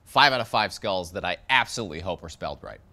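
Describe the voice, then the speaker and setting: Faint music plays behind this fast, expressive man in his thirties, whose voice is pushed and bright. He hosts a metal review show, cracking sarcastic jokes through a scripted review with big pitch swings, surrounded by shelves of records in a studio.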